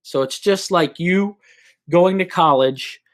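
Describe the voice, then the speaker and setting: A man's voice: high-pitched, slow. A man hosting a live show, chatting casually and telling work stories with many restarts. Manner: storytelling, relaxed, lots of restarts. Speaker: host.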